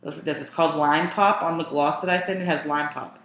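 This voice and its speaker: A woman's voice: low-pitched, steady tone, fast, a bit bright, roomy sound. A woman teaching a sign language lesson, explaining grammar step by step and glossing example sentences. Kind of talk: casual teaching walkthrough.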